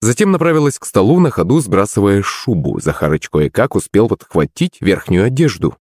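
A man narrating an audiobook in the first person, in a wry, expressive way. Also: lowish voice, brisk, dry recording, studio quality. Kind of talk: scripted narration.

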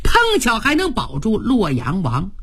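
A woman's voice: mid-range voice, wildly swooping pitch, a little slow, a bit bright, slightly rough, heavily acted. A woman voicing a sly, cocky young male general who taunts his rival in a storytelling broadcast. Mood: placating. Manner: smug, taunting.

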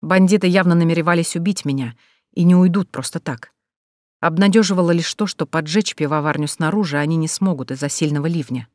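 A woman's voice: on the low side, fairly quick, a little mellow, no room sound, clean studio sound. A woman reading a first-person audiobook with tense, dramatic storytelling. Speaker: audiobook narrator.

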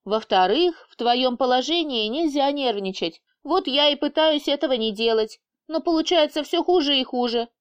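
A woman voicing a calm, mocking male boss who is stuck in a woman's body, with a teasing, unflappable manner. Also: sits high, normal speed, few pauses, dull audio, voice pushed up. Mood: reasoning.

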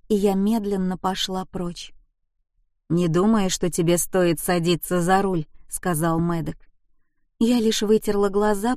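A woman's voice: mid-range voice, darkish tone, dry recording, clean studio sound. A woman reading an emotional first-person audiobook in a gripping, intense way. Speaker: audiobook narrator.

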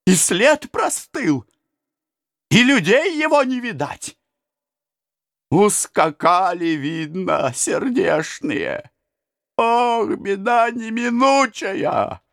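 A man's voice: high voice, very animated, very slow, creaky, a bit bright, dry recording, clean studio sound, voice pushed up, full character voice. Storybook role: a man playing a frightened old villager, sighing laments. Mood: lamenting. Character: elderly peasant man, fearful, lamenting.

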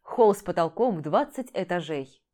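A woman's voice: lowish voice, expressive, moderate pace, warm tone, lightly acted. Woman reading a cocky, teasing young man. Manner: playful, provocative banter. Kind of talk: audiobook character reading.

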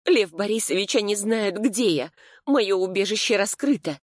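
A woman's voice: medium pitch, lively intonation, moderate pace, dry recording, clean studio sound, voice pushed up, natural voice. A reader voicing a frightened young woman whose voice trembles as she talks to her lawyer. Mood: alarmed. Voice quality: tense, trembling.

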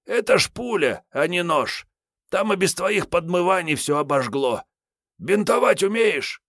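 Man doing a hungover, drink-roughened vagrant gunman. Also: high-pitched, expressive, measured pace, fairly bright tone, dry recording, clean studio sound, voice pushed up, full character voice. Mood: grumbling, boorish. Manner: rude, grumbling, self-pitying. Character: hungover boorish male wasteland vagrant gunman. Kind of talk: audiobook character voice.

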